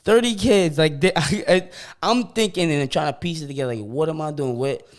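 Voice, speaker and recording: This co-host, a man in his twenties, has a slightly high voice and a fairly quick delivery in casual podcast chat. He uses slang, repeats words when starting sentences, keeps restarting them, and acts out quotes in lively stories.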